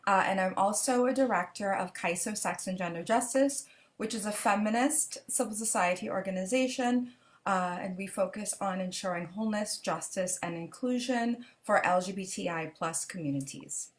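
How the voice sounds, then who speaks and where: A woman's voice: mid-range voice, normal speed. Bahamian-born woman lecturer on a call. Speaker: lecturer and researcher. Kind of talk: self-introduction on a virtual panel. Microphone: video call.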